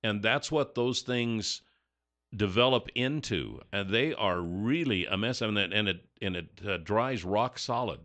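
Bright-toned joking male radio host. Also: on the low side, unhurried. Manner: joking, rambling. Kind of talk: casual morning radio chat. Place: radio studio.

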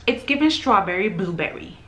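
A woman chatting casually to camera as she tastes and reviews groceries, describing each bite between pauses. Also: medium pitch, big pitch swings, a bit bright. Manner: chatty, tasting and describing food between bites.

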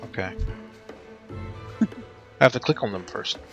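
A man's voice: lowish voice, animated, slow, a bit bright, faint music behind. A man chatting casually while playing a game with friends, offhand and swearing now and then. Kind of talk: casual gaming chat.

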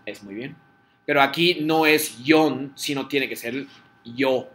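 A man's voice: mid-range voice, slow pace, a bit bright. A man teaching a class in Spanish, explaining patiently step by step and checking in with his students. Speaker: Japanese teacher.

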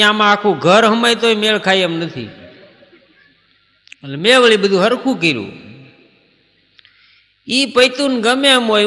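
A man's voice: high voice, bright, forceful tone, in a large hall. A man performing stand-up comedy, telling anecdotes and acting out short exchanges between people. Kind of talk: Gujarati folk stand-up storytelling.

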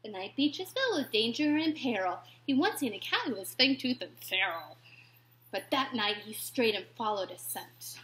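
A woman reading a rhyming children's story aloud, expressive and dropping to whispers at tense moments. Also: on the high side, moderate pace. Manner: expressive, drops to whispers for suspense.

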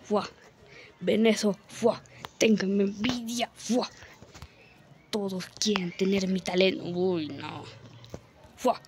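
A woman's voice: medium pitch, fairly even intonation, takes it slowly, long pauses, noisy background. A woman giving casual gameplay commentary, playfully boasting, grunting with effort and whispering asides, her throat a little sore. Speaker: gamer.

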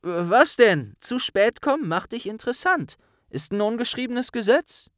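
A man's voice: very high-pitched, sing-song, unhurried, no echo, clean studio sound, pitched above the performer's own voice, full character voice. A man voicing a boastful, joking teenage wizard in a fan-made audiobook. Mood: smug. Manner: loud, swaggering and pleased with himself.

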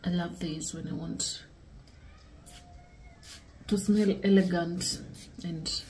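A young woman with a lowish voice talks slowly and casually to her viewers, calling them "guys," in a relaxed, chatty lifestyle vlog. She films with a handheld camera indoors in her home kitchen and dressing room, and there's slight background noise.

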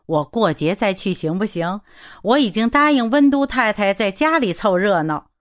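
A woman doing a slow, chuckling old gentleman. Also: medium pitch, animated, close to an everyday voice. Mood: mild chuckling.

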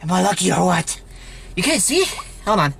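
A man vlogging trackside outdoors on a handheld phone, gushing and excitable. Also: high-pitched, moderate pace, gravelly, breathy edge. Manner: excitable, gushing, loud whoops. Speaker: railfan vlogger. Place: outdoors by a railroad line near a store lot.

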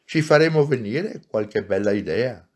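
A man voicing a calm, wise friendly soul. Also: on the low side. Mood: gentle. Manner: calm, grave and slow. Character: gentle wise friendly soul, male, patient.

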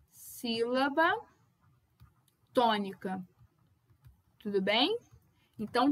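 A young adult woman teaching a Portuguese grammar lesson at a whiteboard. She explains patiently, keeps checking in with her students, and calls out example words loudly to show their stress. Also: high-pitched.

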